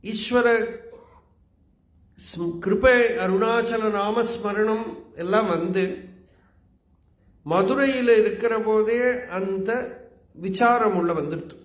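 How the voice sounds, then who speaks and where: A man giving a religious discourse as a spiritual teacher, chanting verses slowly and then explaining them in plain, measured talk. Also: high voice. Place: large auditorium. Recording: echoey hall recording.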